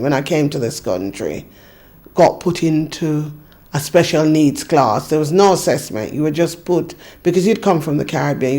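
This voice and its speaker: A woman's voice: low-pitched, vocal fry, warm tone. A woman in her fifties, a community activist, thoughtfully recalling the past in an interview, with earnest restarts and many "you know"s. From Jamaica. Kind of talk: reflective interview recollection.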